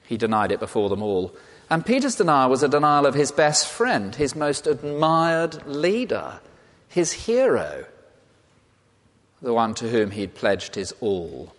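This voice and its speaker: A man's voice: fairly high pitch, expressive, slow pace. A man preaching a sermon, emphatic and full of rhetorical repetition. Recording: long hall reverb.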